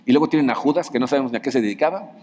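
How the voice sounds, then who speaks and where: A man's voice: medium pitch, very fast, a little mellow, lo-fi sound. A middle-aged man with a Mexican Spanish accent preaching a sermon in a conversational way, often asking the congregation questions. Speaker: pastor. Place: large church hall. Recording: long hall reverb.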